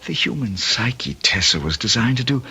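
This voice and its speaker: In an old-time radio drama, an actor voices an eccentric, self-assured husband, intense and condescending, delivering lines in a halting, rhapsodic way. His full character voice is male, medium-pitched, expressive, bright and forceful, with a slight roughness.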